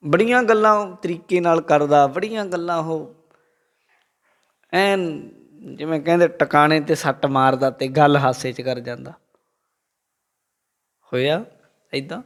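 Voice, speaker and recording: A man's voice: on the high side, measured pace, long pauses. A man with a Punjabi accent giving a religious talk, preaching and telling a story to a congregation. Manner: lively, quotes the Guru and tells a story to the congregation. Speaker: Sikh preacher.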